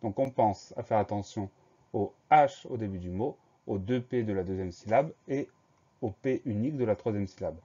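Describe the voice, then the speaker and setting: A man teaching a spelling dictation lesson, going slowly and carefully and spelling each word letter by letter. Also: lowish voice, warm tone, slightly rough, muffled recording.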